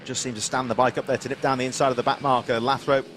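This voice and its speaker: A man's voice: medium pitch, level tone, very fast. A man giving live motorsport commentary as race commentator, reeling off rider names and running order. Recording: noisy outdoor trackside sound. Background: vehicle and outdoor track noise.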